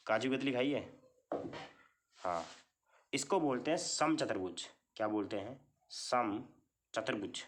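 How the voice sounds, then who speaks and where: A man teaching a maths lesson in a classroom style. He explains step by step, keeps checking with the class and asks questions that he answers himself. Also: medium pitch. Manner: explains step by step with many repeated checks like "theek hai".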